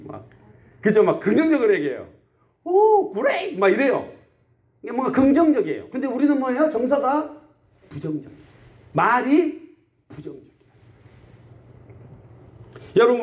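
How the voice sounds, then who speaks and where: Lively, high-voiced male pastor preaching. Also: brisk, pauses often. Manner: asks the congregation questions and answers them himself; acts out everyday complaints in quotes. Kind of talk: sermon. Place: country church sanctuary.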